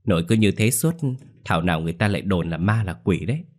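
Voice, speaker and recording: A man's voice: sits low, expressive, fast, darkish tone. A man voicing a young grandson who is blunt and puzzled, asking questions of his grandmother.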